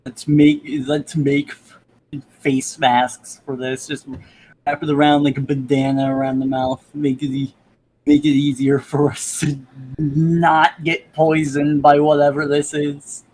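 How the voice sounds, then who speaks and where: A man playing a tabletop role-playing game, thinking aloud in a measured, tentative way. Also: on the high side, flat delivery, darkish tone, a little hiss or hum, rough recording. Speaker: player. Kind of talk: casual tabletop game chat.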